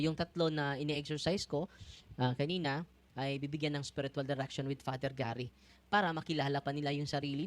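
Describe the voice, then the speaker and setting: Animated Filipino priest preaching. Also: male voice. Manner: switches between Tagalog and English, keeps asking the crowd for agreement; laughs easily, animated swings in pitch. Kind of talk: conversational preaching to a congregation.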